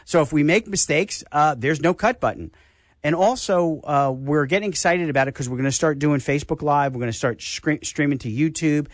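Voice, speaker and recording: An older man with a New York accent, hosting a radio health talk show and telling stories in a casual, animated way. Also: a little high, a little fast, dry recording, studio quality. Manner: animated storyteller, acts out voices.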